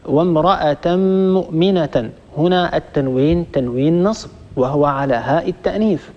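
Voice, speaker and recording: A man with a Libyan Arabic accent teaching Quran recitation rules, patiently repeating each rule and slowly demonstrating the examples. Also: fairly high pitch. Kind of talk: tajweed lesson. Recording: dull lo-fi audio with long reverb.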